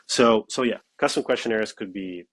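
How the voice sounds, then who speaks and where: A man's voice: on the low side, moderate pace, a bit bright. A man from Russia, a startup founder speaking bluntly and emphatically as an interview guest. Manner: blunt and emphatic, with frequent "okay?" asides. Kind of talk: casual interview talk.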